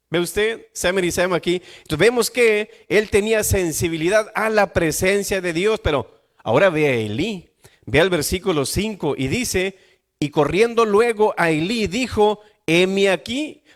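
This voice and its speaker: High-voiced preacher. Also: male voice. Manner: animated preaching with acted-out quotes and jokes. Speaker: pastor. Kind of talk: sermon.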